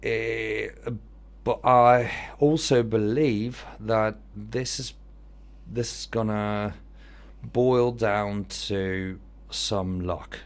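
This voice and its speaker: A man's voice: fairly low pitch, fairly even intonation, very slow. A man with an Italian accent giving casual commentary on an online football manager game, thinking aloud as he weighs his choices.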